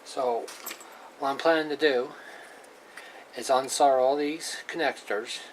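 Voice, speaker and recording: An unhurried male hobbyist shows off radio gear in an informal, unscripted hands-on demo, his medium-pitched voice fairly even in intonation. He's plain-spoken, halting, and repetitive, heard over the clear noise of an amateur recording.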